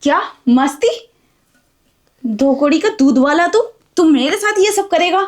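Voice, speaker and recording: A woman playing a sharp-tongued blind housewife, very high. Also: lively intonation, a little slow. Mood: angry. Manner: scolding, indignant. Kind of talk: melodramatic audio drama.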